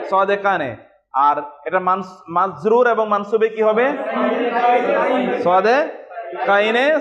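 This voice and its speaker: A man teaching Arabic grammar to a class, asking questions, repeating words slowly and prompting students to answer. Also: very high-pitched. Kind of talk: classroom lesson with call-and-response drilling. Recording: dull lo-fi recording.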